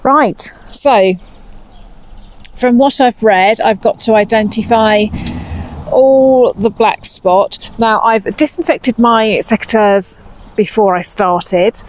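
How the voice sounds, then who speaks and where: A woman's voice: on the high side, slow, low-quality recording. Woman, fifties, English accent, casual garden vlog, chatty, slightly anxious, outdoors, lapel mic. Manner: chatty, slightly anxious, talks while working. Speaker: vlogger.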